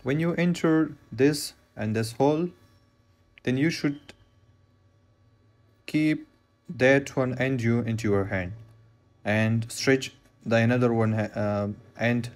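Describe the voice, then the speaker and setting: Slow-talking man explaining knot tying. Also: mid-range voice, steady tone. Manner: plain, repetitive step-by-step instructions with non-native phrasing. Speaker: fishing knot instructor. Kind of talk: hands-on tutorial voice-over.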